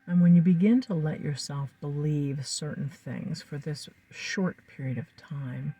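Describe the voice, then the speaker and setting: With a medium-pitched voice, a hypnotist guides a listener through a calm induction. The delivery is gentle, breathy and soothing, unfolding in slow phrases with long pauses between them.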